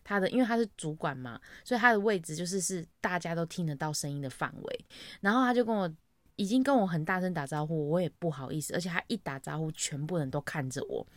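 A woman's voice: on the low side, expressive, fast talker, dry recording. A young woman, chatting casually and acting out her own greetings as she tells an office story. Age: young adult. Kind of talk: casual chat.

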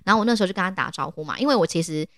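A woman's voice: on the low side, rapid-fire, no room sound, studio quality. A woman in her twenties with a Taiwanese Mandarin accent, co-hosting a casual podcast and telling stories with lots of laughter. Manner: animated storyteller, laughs often. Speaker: podcast co-host.

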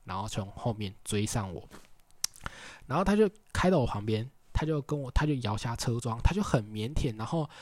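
Casual young guy with a Taiwanese Mandarin accent, mid-pitched voice, dry close sound, rambling vlog storyteller. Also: expressive, brisk, dry recording. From Tainan, Taiwan. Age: young adult. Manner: chatty, rambling with filler words and asides. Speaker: vlogger on a walking trip around the island.

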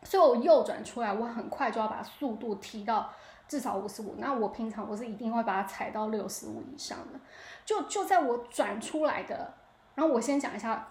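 Animated Taiwanese woman, echoey room. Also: a little high, a little hiss or hum. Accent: Taiwanese Mandarin. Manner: animated, keeps asking the listener 你知道吗. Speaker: podcast host. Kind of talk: casual storytelling monologue. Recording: echoey room with faint ambience.

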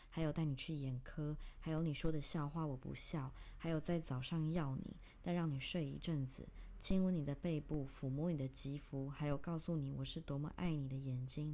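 A woman giving a dramatic reading of a stage text, in short broken phrases and long run-on lists. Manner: intense, halting delivery in short broken phrases; long breathless list, spoken low and soft.

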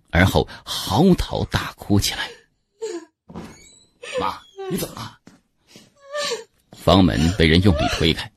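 A man narrating a dramatic story in scripted, expressive storytelling. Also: low voice, slightly rough, no echo.

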